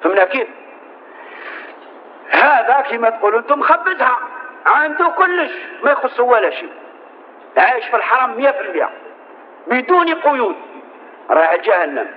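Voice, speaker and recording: A man with an Algerian Arabic accent delivers a sermon, his voice pitched very high and his words tumbling out quickly. He keeps turning to the congregation with rhetorical questions. The sound is thin and phone-like, as if carried over a radio broadcast. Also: big pitch swings, slight background noise. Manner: rhetorical, keeps asking "understood how?". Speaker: preacher. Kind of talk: sermon in dialect.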